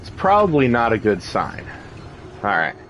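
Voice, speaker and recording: Low-voiced man casually narrating gameplay. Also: huge pitch swings, moderate pace, a bit bright, slight background noise. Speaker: video game player and commentator. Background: game music and sound.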